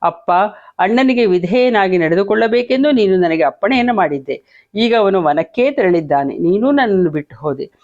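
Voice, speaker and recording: A man's voice: high-pitched, animated, brisk, darkish tone. A man voicing a grieving young prince who laments his dead father in a plaintive reading, on a dull lo-fi recording.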